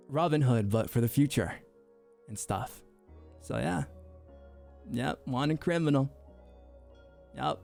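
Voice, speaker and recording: A young man's medium-pitched voice, darkish with vocal fry, carries his VTuber debut stream. The chat is casual; he's goofy and joking, laughs readily and keeps tripping over his words in stammered restarts.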